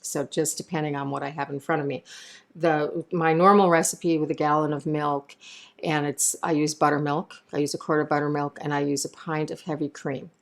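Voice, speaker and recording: Low-voiced woman chef teaching a recipe. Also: level tone, brisk. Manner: chatty, digressive, explains step by step. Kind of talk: cooking demonstration. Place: home kitchen.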